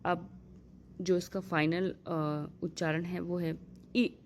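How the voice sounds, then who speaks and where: A woman teaching English vowel sounds in a patient lesson, spelling out example words slowly. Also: fairly low pitch, steady tone, slight background noise. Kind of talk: Hindi-language pronunciation lesson.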